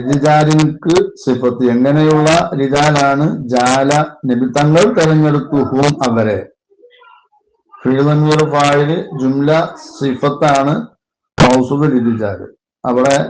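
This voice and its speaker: Slow, deliberate Malayali male religious teacher. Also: mid-range voice, a little mellow. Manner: slow, deliberate parsing with Arabic terms. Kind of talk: explaining classical Arabic poetry grammar. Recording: echoey room with faint noise.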